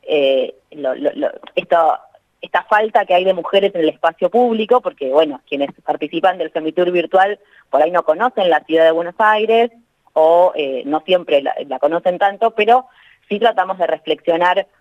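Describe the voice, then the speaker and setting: A woman's voice: on the low side, moderate pace, dry recording. A woman with a Rioplatense Spanish accent, a journalist calling in from home over a bad phone connection, chatting with many hesitations and restarts. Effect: bad phone connection that cuts out. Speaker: journalist and tour co-creator, radio guest. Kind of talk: casual interview over the phone. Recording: muffled lo-fi phone line.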